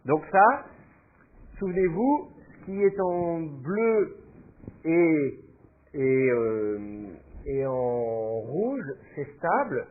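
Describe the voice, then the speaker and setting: A man's voice: on the high side, sing-song, drawn-out words, narrow, tinny audio. A man teaching a class, explaining patiently and thinking aloud with fillers as he goes. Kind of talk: classroom lecture.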